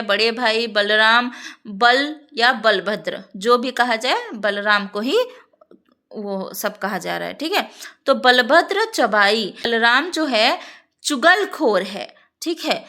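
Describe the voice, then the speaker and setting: A woman teacher explaining a poem line by line in a lesson, checking in with her listeners and reciting the verses slowly. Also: on the high side, sharp tone. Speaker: Hindi teacher.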